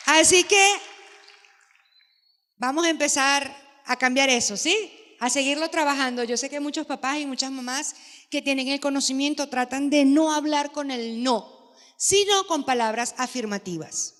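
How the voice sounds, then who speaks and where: A woman's voice: high voice, moderate pace, a bit bright. A woman pastor giving a sermon to parents, emphatic and often asking the congregation questions. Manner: emphatic, asks the audience questions. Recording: long hall reverb.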